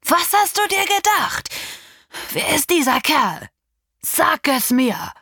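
A woman voicing a domineering middle-aged father who shouts and threatens in harsh bursts, in an audiobook reading. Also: lowish voice, measured pace, breathy edge, no echo, clean studio sound. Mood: enraged.

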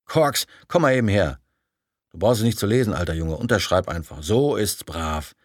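A domineering tycoon barking short, clipped orders, as a male reader puts him on. The voice is husky and low and gets loud and commanding. It sounds dry and close, as in a studio audiobook. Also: animated, normal speed, dry recording. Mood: mocking. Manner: clipped, bossy. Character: domineering rich male arms dealer, curt and clipped.

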